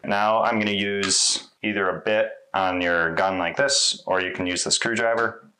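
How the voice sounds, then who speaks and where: Man, 30s, lower voice, easygoing how-to demo in a small laundry room. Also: normal speed, slight background noise. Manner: relaxed, conversational, with fillers. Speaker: installation demonstrator. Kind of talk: casual how-to walkthrough.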